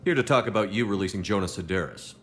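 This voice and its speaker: An actor playing a stern military space commander in a video game, firm, clipped and authoritative. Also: male voice, on the low side, fast, soft background music, natural voice. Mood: businesslike. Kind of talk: video game dialogue acting.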